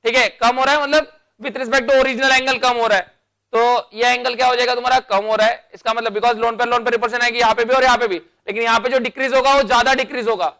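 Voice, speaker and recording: Calling his students beta and bhai, a man gives a classroom chemistry lecture at a quick pace, his very high voice pushed and bright but steady in tone. He moves step by step through the material with terminology, posing questions and answering them himself.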